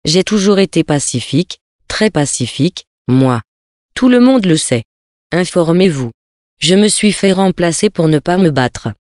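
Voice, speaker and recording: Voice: medium pitch, lively intonation, a little slow, a little mellow, no echo, lightly acted. Frantic, terrified pleading man, read by a narrator, in a dry recording. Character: terrified grown man pleading for his life. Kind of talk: audiobook reading of a novel.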